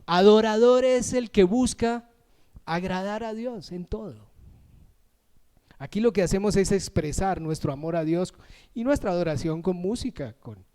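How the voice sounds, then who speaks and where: A man preaching a lively, emotional sermon as pastor, raising his voice when moved and acting out quick everyday voices. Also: high-pitched, clean tone. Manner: acts out everyday voices in asides.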